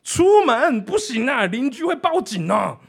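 A man doing a flustered repairman on the phone, his voice jumping high and loud, exclaiming in alarm with a lilt. The pitch leaps around wildly as he fusses and frets. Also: very animated, fast talker, slightly rough. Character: panicked male phone repairman, middle-aged.

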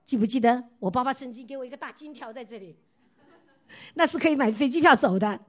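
A middle-aged woman from Taiwan preaches a sermon mixed with her own testimony. She keeps asking her listeners questions, and her voice often drops soft and quiet as she tells her stories. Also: sits high, quick pace. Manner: asks the listeners repeated questions. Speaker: pastor's wife preaching.

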